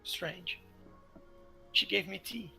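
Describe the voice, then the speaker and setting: A man voicing a high-voiced, obedient male sidekick who speaks hesitantly and deferentially. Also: slow pace, gravelly, pushed and bright, faint music behind, exaggerated voice. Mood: puzzled.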